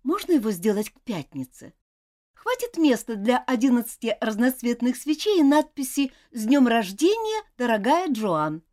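A woman voicing an earnest, kind and stubborn schoolgirl who talks high and eagerly in a storybook reading. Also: very animated, normal speed, a little mellow.

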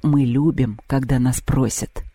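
A haughty storybook thunder god, groggy and hungover, drawls his verdicts slowly and condescendingly, as a man puts him on. The voice sits dark and mellow, close and dry with no room around it. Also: medium pitch, steady tone, no room sound, voice pushed down, natural voice. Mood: smug.

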